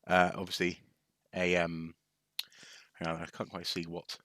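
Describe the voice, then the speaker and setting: A man's voice: deep voice, monotone, unhurried, a bit bright, no echo, studio quality. A man from North Wales chatting casually on a live stream, hesitant with lots of restarts and wry asides. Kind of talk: casual rambling show-and-tell.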